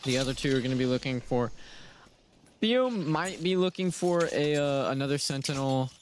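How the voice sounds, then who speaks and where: A man giving relaxed, rambling play-by-play commentary on a college esports match. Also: medium pitch, normal speed, a little hiss or hum. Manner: relaxed, rambling, filler-heavy. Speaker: esports caster. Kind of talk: casual game commentary.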